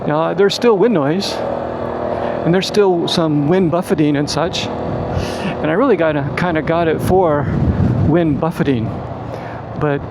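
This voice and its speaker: A man's voice: fairly high pitch, a little slow. A man chatting casually and thinking aloud as he rides a scooter outdoors, with wind and road noise on the mic. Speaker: motorcycle vlogger riding a scooter. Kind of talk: casual vlog chat while riding. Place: outdoors on a moving scooter, in traffic. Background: wind, engine and traffic noise.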